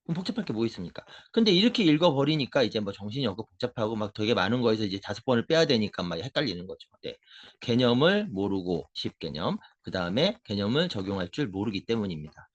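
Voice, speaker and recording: A middle-aged man, a math tutor and education consultant, explains a concept to parents in an emphatic lecture style, posing questions and answering them himself. His voice is fairly low and sing-song, delivered at a quick pace, and the sound is lo-fi.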